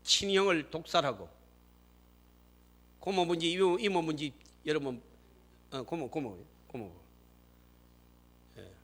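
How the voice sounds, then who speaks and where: A man preaching a sermon as pastor, moving between quiet asides and loud, shouted exhortations. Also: fairly high pitch, expressive, takes it slowly, pauses often. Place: church sanctuary.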